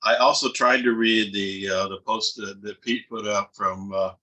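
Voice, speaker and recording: A man taking part in a casual seminar discussion over a video call, speaking haltingly with frequent pauses and fillers. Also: on the low side, fairly even intonation, sharp tone, poor audio. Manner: halting, hesitant, frequent uhs. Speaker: seminar participant.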